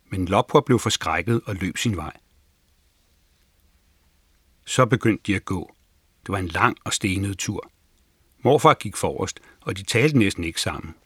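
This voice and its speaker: A man with a fairly low voice reads a children's story aloud. He tells it calmly and evenly, lifting his pitch for the characters' lines. The recording is dry and close, with no room sound. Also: husky, dry recording. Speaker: audiobook narrator. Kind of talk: scripted storybook narration.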